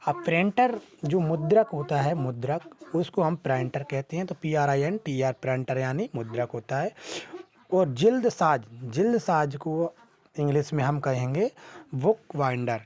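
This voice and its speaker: An English teacher runs through a vocabulary list in an online class at a mid pitch. The teacher asks and answers each question and spells every word out letter by letter. The talk is dotted with "hmm" and "theek hai" fillers. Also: lively intonation, normal speed, darkish tone. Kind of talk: vocabulary lesson.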